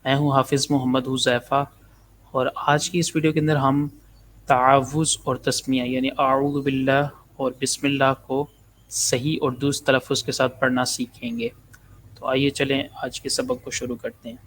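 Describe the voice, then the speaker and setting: A man teaching Quranic pronunciation, explaining quickly and then reciting each phrase very slowly and deliberately. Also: mid-range voice, little pitch movement, fairly bright tone, a little hiss or hum. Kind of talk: pronunciation lesson with slow recitation.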